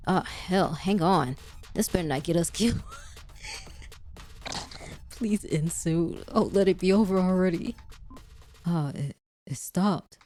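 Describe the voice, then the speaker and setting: A woman's voice: fairly low pitch, slow, long pauses, dark tone, a little hiss or hum. Chatty woman playing through a story game. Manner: casual, chatty, slangy asides between read lines. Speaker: let's-play host. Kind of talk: reading and reacting to a visual novel.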